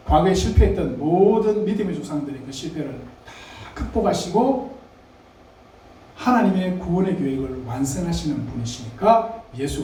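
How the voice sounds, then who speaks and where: Male pastor, sermon, mellow slightly high voice, heard from a distance in a big echoing church. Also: a little hiss or hum. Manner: conversational preaching, asks the congregation questions. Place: church sanctuary. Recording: echoey church hall, mic at a distance.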